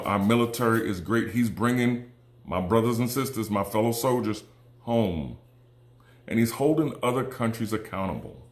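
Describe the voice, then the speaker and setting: A man and combat veteran talking casually to viewers, earnest and halting, with many ums and restarts that give way to emphatic, persuasive pushes. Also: lowish voice, echoey room. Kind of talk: casual direct-to-camera talk.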